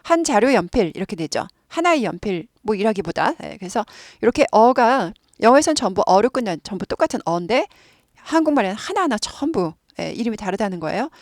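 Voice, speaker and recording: A woman's voice: medium pitch, big pitch swings, brisk, a little mellow, dry recording, studio quality. A woman teaching an English lesson, explaining patiently and repeating words many times for learners to copy.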